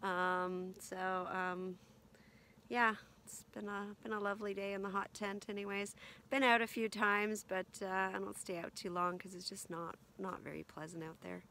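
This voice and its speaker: A woman in her forties chatting casually to camera from inside a heated canvas tent, relaxed and rambling with lots of ums. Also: mid-range voice, moderate pace, slight background noise. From Canada. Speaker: camping vlogger. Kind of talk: casual vlog chat. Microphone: camera at arm's length and on a stand.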